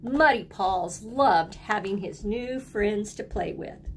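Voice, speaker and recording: In a mid-range voice, a woman reads a picture book aloud to young listeners in a teacher's manner, speaking simply and deliberately. She prompts the children to join in and repeat words, and a little hiss or hum is audible.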